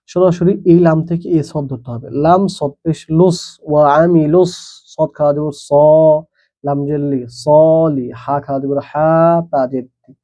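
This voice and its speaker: A man's voice: fairly high pitch, dark tone, muffled recording. A man teaching Quran reading who spells out each letter and vowel mark, then blends the syllables, with plain explanatory asides between the drills.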